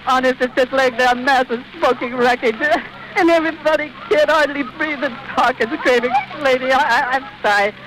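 A man's voice: very high voice, a little fast. A male radio reporter, distraught and out of breath, stammering and repeating himself as he reports live outdoors from an airfield. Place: outdoors at an airfield, near a burning airship. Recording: noisy 1930s archive radio recording.

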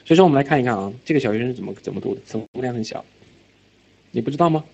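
A man teaching IELTS reading in a recorded lecture, animated, often asking whether students follow and dropping English words into his talk. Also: medium pitch, very fast, gravelly. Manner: mixes English words into speech. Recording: slightly dull lo-fi lecture audio.

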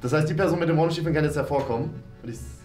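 Rapid-fire and fairly high-pitched with a darkish tone, a young man in his twenties casually hosts a game video and muses aloud while playing. The small decorated room gives an echoey sound, with music running in the background.

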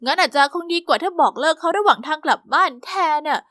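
Female story narrator, high-pitched, lively and expressive, dry close studio sound. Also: quick pace, no room sound. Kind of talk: scripted first-person narration.

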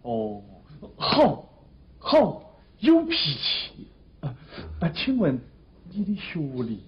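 An actor playing a pretentious, polite middle-aged job applicant in a TV comedy, with dialect. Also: male voice, on the high side, huge pitch swings, extremely slow, full character voice. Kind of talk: comedy TV drama dialogue. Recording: muffled old TV sound, faint noise.

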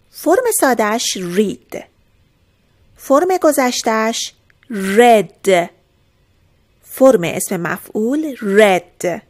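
Woman slowly drilling English verbs. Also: a little high. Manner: repeats each word slowly and clearly, explaining calmly. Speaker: English teacher. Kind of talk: slow drilled vocabulary lesson.

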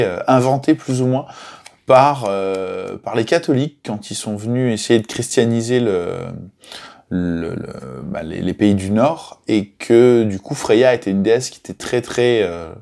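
Guy rambling through myth stories for a game, gravelly and lowish voice. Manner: chatty, many fillers, lively emphasis on names. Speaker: game publisher presenting lore. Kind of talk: casual storytelling explanation.

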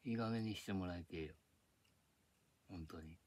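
A man's voice: sits low, moderate pace, a little mellow. An older man from Japan rambling in a casual, grumbling monologue, recorded at home on a tablet. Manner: grumbling, chatty, drifting between topics. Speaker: vlogger. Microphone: tablet microphone.

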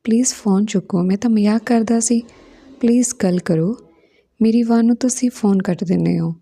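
A woman's voice: mid-range voice, normal speed, vocal fry, dark tone. A woman reading the part of a teasing, reassuring young man who coaxes his sister-in-law in a storybook reading. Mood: coaxing.

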